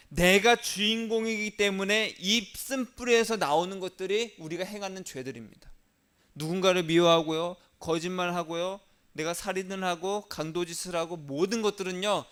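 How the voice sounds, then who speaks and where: Male pastor preaching, chatty, lots of rhetorical questions, slightly high voice. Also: a bit bright. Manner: conversational, asks rhetorical questions, acts out inner voices. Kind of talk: sermon.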